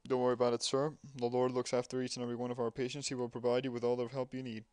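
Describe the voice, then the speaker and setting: A man's voice: mid-range voice, monotone, rapid-fire, darkish tone, clean tone, no echo. A man doing let's play commentary, reading game dialogue aloud and breaking off with sarcastic asides. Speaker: gamer playing a game.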